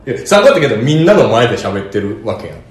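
A young man with a Kansai Japanese accent, chatting casually on a podcast with lively, joking banter and frequent laughs. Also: medium pitch, racing. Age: young adult. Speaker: podcast co-host, comedian. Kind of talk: casual chat. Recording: very echoey room.

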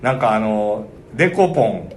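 A man's voice: on the low side, a little hiss or hum. A man with a Kansai accent, chatting and bantering as a comedy-duo co-host, laughing often. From Osaka, Japan. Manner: animated, quick banter with frequent laughs. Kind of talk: casual comedy-duo chat.

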